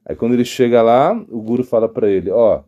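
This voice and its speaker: A middle-aged man with a Brazilian Portuguese accent giving an informal devotional sermon as a monk, telling stories lively and often restarting his sentences. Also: medium pitch, fast, highs cut off. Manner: animated storytelling, acts out quotes, frequent restarts and stammers. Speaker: monk giving a spiritual talk.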